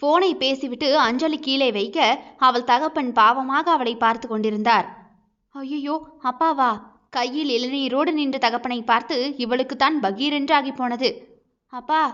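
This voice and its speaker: High-voiced woman reading a novel. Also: moderate pace, fairly bright tone, muffled recording. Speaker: audio novel narrator. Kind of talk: scripted storybook narration.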